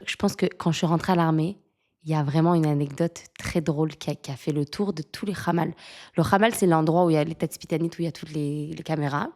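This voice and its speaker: A woman from France in her thirties tells stories as a podcast guest. She talks in a loose, animated way, filling gaps with "euh" and laughing through her anecdotes. Her voice sits slightly low. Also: fast talker. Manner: animated, laughs often, many fillers. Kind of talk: casual storytelling interview.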